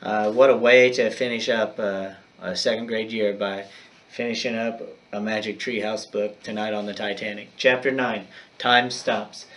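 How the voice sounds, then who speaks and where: A male teacher reading a children's chapter book aloud to his class, with dramatic, expressive storytelling. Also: lowish voice, normal speed, recorded from a distance.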